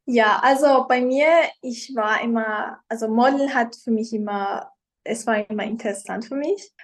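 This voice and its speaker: A young woman from Iran, a professional model appearing as an interview guest, tells her story casually in German, a language she learned later in life. She often pauses to search for words, and her voice is a little high with fairly even intonation.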